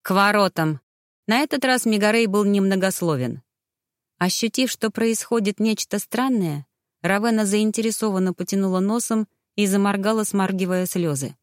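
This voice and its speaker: A woman narrating a fantasy audiobook in an expressive, dramatic storytelling manner. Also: mid-range voice, normal speed, dry recording, clean studio sound.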